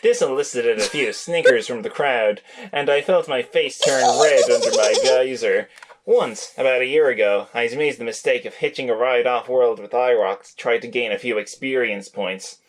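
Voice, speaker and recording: A man's voice: mid-range voice, normal speed, a little hiss or hum. A man hosting a podcast, reading a novel aloud to friends with wry, joking asides. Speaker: podcast host and reader.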